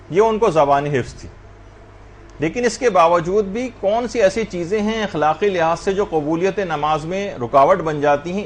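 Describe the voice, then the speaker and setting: A man's voice: a little high, slight background noise. A man teaching a religious class, lecturing earnestly and addressing his students directly.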